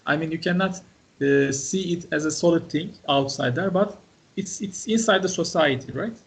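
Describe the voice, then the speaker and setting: Male university lecturer, slightly high and gravelly, talks in short phrases and keeps checking in with the class. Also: normal speed. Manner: talks in short fragments, often asks "right?" and "okay?".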